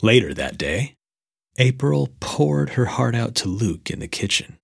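A man's voice: mid-range voice, big pitch swings, a little slow, vocal fry, husky. A man giving wry, mock-romantic narration in a comedy audio drama.

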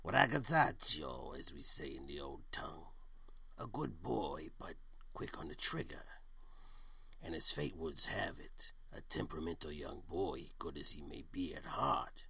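A man voicing a menacing middle-aged mob boss who talks in a slow, streetwise gangster drawl in a comedic audio story. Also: very deep voice, expressive, gravelly, pushed and bright, slightly rough, no room sound, voice pushed down, exaggerated voice.

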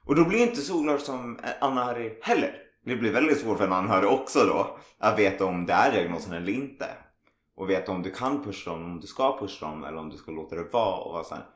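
A man hosting a podcast in casual conversation, telling stories animatedly and acting out what others say. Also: fairly low pitch. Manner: animated storytelling, acts out others' remarks. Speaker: podcast host. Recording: roomy echo.

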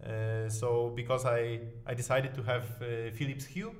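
A man's voice: mid-range voice, flat delivery, unhurried. Man, repeating his words. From Poland. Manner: often repeats words as he starts a phrase. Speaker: guest. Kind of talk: casual interview talk.

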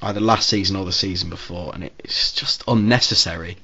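A man's voice: low-pitched, fairly quick, sharp tone. A man hosting a podcast, chatting casually and airing his opinions with easy laughter. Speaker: podcast host. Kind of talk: casual chat. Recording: dull lo-fi podcast audio.

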